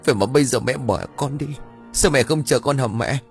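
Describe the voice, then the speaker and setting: A man's voice: medium pitch, brisk, vocal fry, soft background music, voice pushed up, close to an everyday voice. A man voicing a grieving young village woman who sobs and cries out for her dead mother. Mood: wailing grief. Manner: sobbing, pleading cries.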